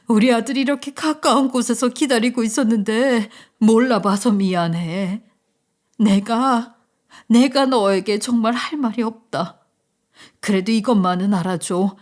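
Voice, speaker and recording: A woman voicing a wealthy middle-aged mother, emotional and pleading, with loud, slow, sobbing lines. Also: on the high side, natural voice. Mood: tender.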